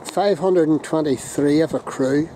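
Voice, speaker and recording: This middle-aged man with a Northern Irish accent has a voice on the high side and a measured pace. As a vlogger giving casual walking commentary, he chats and rambles with fillers and self-corrections on a windy hilltop viewpoint, and his handheld phone camera picks up wind noise.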